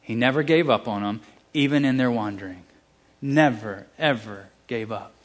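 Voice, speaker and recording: A man's voice: medium pitch, moderate pace. A man with a Southern US accent preaching a sermon, emphatic, with casual asides and restarts.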